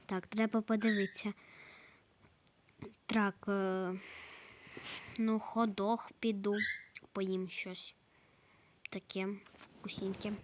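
A woman with a hoarse voice narrating her game play in a soft, slow way, often slipping into a whisper. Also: mid-range voice, flat delivery, background noise. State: hoarse, coughing. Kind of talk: casual gameplay narration.

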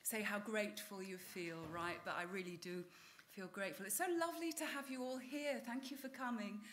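Woman professor giving a measured lecture. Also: medium pitch, a bit bright. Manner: measured and formal. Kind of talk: academic lecture. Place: lecture hall stage.

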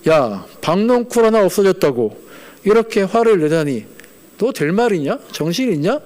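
A man's voice: high voice, big pitch swings, normal speed, a little mellow. A man playing God as a stern figure who scolds a prophet with blunt questions. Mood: scolding.

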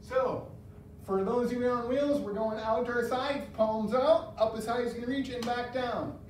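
A man in his thirties coaches an adaptive fitness class, giving upbeat cues one step at a time and encouraging participants. His voice is extremely high yet a little mellow, with fairly even intonation and a moderate pace. A distant camera records him in a large, bare, very echoey indoor room, with a little hiss or hum.

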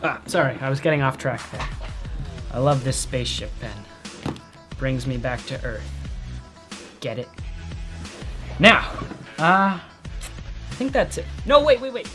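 A teenage actor playing a petty, easily sidetracked apocalypse survivor who rambles and keeps apologizing in a comedic short film. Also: male voice, medium pitch, expressive, unhurried, pauses often, music in the background, natural voice. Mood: rambling. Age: teens. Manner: rambling, self-interrupting, apologetic asides. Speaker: survivor recording a video message.

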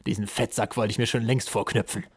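A man's voice: lowish voice, steady tone, fairly quick, slightly rough, no echo, clean studio sound. A man voicing a cruel goblin general who interrogates a prisoner in a harsh, threatening, relishing tone. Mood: menacing.

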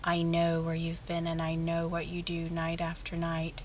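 A woman putting on a cool, mysterious female film hacker in a slow, hushed, low delivery. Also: completely flat delivery, a little hiss or hum, lightly acted.

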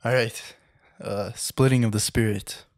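Lecturer reading text aloud; deep, gravelly, flat delivery, trips over words and self-corrects; dry close sound. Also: male voice, measured pace, no room sound. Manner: stumbles and corrects himself, apologizes mid-reading. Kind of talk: unscripted reading of a book passage.

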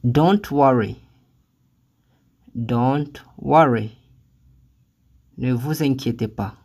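A language teacher reading short phrases one at a time, saying each twice with careful, deliberate delivery, then giving the translation. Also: mid-range voice, darkish tone, slightly rough. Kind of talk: slow phrase-by-phrase lesson reading.

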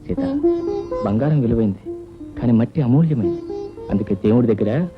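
A man's voice: mid-range voice, a little fast, close to an everyday voice. An actor playing a playful, teasing young man who dotes on his sweetheart in an old film dialogue scene. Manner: teasing, affectionate, lively. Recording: dull lo-fi film soundtrack, faint music.

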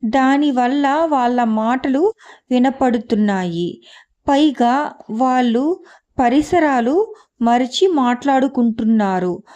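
A woman narrating an audio novel in a steady, measured storytelling manner. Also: high-pitched, dull audio.

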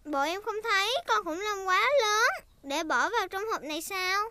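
A performer voicing a cheerful, bossy, chatty little girl pig with a squeaky childlike voice in a dubbed preschool cartoon. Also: moderate pace, bright, forceful tone, no room sound, full character voice. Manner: exclaiming, giggly, sing-song.

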